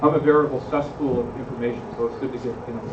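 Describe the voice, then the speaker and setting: A man's voice: medium pitch, fairly even intonation, rapid-fire. A man leading a church group discussion, often asking the room questions and adding "right?". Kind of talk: conversational Bible study discussion. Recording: roomy, distant, slightly muffled with faint noise.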